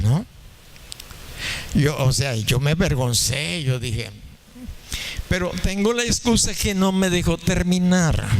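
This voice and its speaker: A man's voice: medium pitch, vocal fry. A man preaching a sermon, telling a funny story and chatting with the congregation. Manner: joking, anecdotal, conversational with the congregation. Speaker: pastor.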